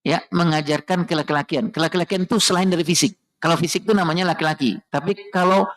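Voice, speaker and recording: A man's voice: a little high, steady tone, fast talker, fairly bright tone. A middle-aged man giving an emotional storytelling sermon on parenting at a mosque, often turning to address the audience directly. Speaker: parenting speaker at a mosque study session.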